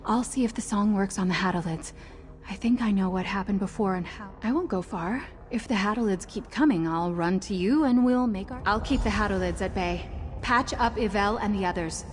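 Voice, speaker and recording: A woman's voice: medium pitch, brisk, big-room sound, a little hiss or hum, close to an everyday voice. An actress playing an earnest young woman who urgently searches for her father, in a video game. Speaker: game character.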